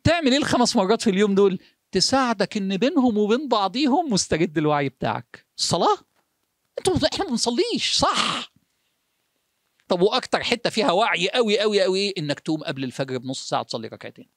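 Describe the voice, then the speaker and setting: This religious speaker's sermon is motivational, delivered in a high, sing-song voice with an Egyptian accent. He asks rhetorical questions in quick succession and moves between urgent speech and slow, hushed phrases, heard in studio-quality audio with no echo.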